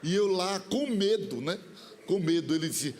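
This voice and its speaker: Brazilian pastor guy, high voice, telling a funny story in a sermon, faint hum behind. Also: a little slow. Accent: Brazilian Portuguese. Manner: lively, comic storytelling that mimics the voices he describes.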